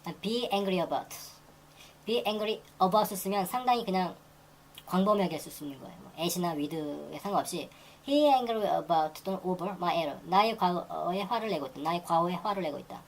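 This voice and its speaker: Woman teacher, lowish voice, goes over grammar, repeats stuff, reads example sentences super slow. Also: animated, a little hiss or hum, poor audio. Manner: repeats phrases and restarts while explaining. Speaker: English teacher. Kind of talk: grammar lecture.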